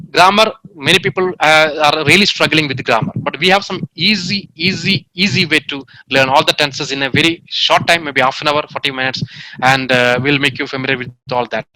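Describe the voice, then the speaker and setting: A man's voice: fairly high pitch, bright, forceful tone, slight background noise, rough recording. A man tutoring an online English exam class, explaining by example with many fillers and restarts, heard over a video call. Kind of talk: online demo class lesson.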